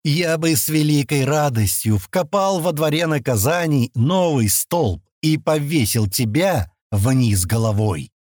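A man's voice: on the high side, expressive, a little slow, few pauses, darkish tone, no room sound, studio quality. A man voicing a fat, drunk male governor who bellows and spits out threats, in an audiobook. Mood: menacing. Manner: bellowing, slurring, spitting threats.

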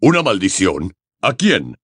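A male audiobook reader voicing a huge, gruff but kindly gamekeeper in a slow, rumbling voice. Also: huge pitch swings, a bit bright, no room sound, clean studio sound, exaggerated voice. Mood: concerned. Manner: slow, deep, rumbling delivery. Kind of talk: audiobook character voice.

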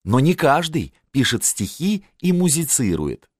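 A man's voice: a little high, sing-song, measured pace, no room sound, clean studio sound, voice pushed up. A man voicing a shy, downcast young lady-in-waiting, in an audiobook.

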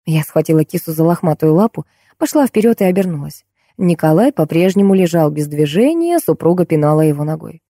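A woman reads a first-person story aloud. Her voice is mellow and warm, recorded close and dry with no room sound. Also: low voice, animated, brisk, no echo. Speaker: audiobook narrator. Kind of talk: first-person scripted narration.

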